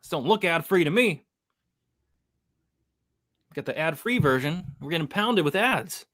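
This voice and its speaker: A man's voice: a little high, animated, measured pace, fairly bright tone, no echo. A man hosting a live fight watch-along, chatty and hyped, reading the chat aloud. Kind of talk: casual live-stream chat.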